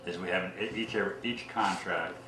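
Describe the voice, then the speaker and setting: A man in his seventies from Ohio, a township trustee talking plainly in a casual radio interview, with halting restarts. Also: deep voice, recorded from a distance. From Ohio, USA. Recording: echoey room with background noise.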